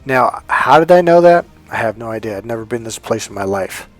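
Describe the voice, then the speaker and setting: Animated and fairly quick, a medium-pitched American man from California recounts his past as a dating coach, with faint music behind him. He's middle-aged, conversational and prone to digressions, addressing viewers directly.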